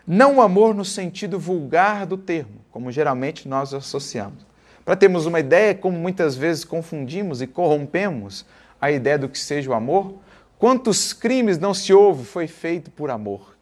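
A man giving an earnest religious lecture, reading a text aloud and explaining it line by line. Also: on the high side. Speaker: spiritist lecturer.

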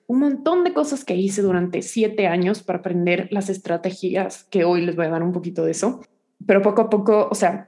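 A woman's voice: fairly low pitch, a little mellow. A young woman with a slightly nasal voice teaches a recorded online class on social media. She talks casually and directly, stopping often to check that her listeners are following. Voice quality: a little nasal.

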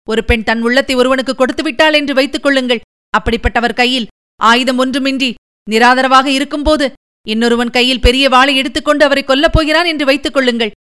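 A woman's voice: high-pitched, a bit bright, clean tone. A woman reading the part of a grief-stricken young noblewoman in an audiobook, pleading and tearful.

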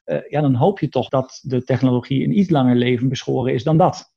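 A man's voice: mid-range voice, brisk, vocal fry, dark tone, husky, muffled recording. A man being interviewed about social robots, speaking thoughtfully and hesitantly with many fillers and restarts. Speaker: guest, artist and robot researcher. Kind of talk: conversational interview.

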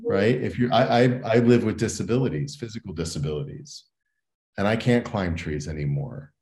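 Man, very low voice, earnest, reflective, educator guest on an interview show. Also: moderate pace, darkish tone. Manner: earnest and reflective, often adds "right?". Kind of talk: interview conversation.

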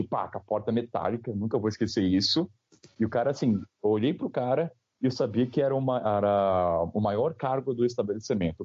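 A young man from Brazil telling a story in a casual, slangy, animated way, acting out the dialogue. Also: lowish voice, slightly rough, no room sound. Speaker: podcast guest. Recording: slightly dull lo-fi sound.

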